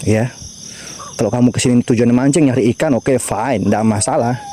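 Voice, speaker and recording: Javanese guy livestreaming outside at night, mellow voice, crickets faint behind. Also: mid-range voice, fairly quick, a little hiss or hum. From Java. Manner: chatty, talks to viewers and chat, invokes spirits. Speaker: mystery vlogger. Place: outdoors at night by a riverside grave.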